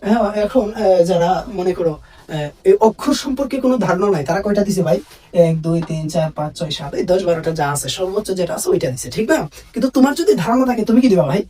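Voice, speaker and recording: A man with a high, husky voice teaches a grammar lesson for exam prep. He keeps quizzing his listeners and repeats each point, stretching the example words out slowly. He sits a little back from the microphone. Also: lively intonation, dark tone, recorded from a distance. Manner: repetitive, quizzing listeners with "ঠিক আছে?".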